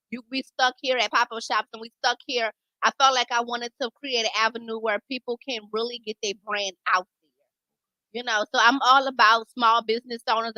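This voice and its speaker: Lady hosting a show, casual chat, kinda high bright voice, close dry sound. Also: no echo, rough recording. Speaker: radio show host.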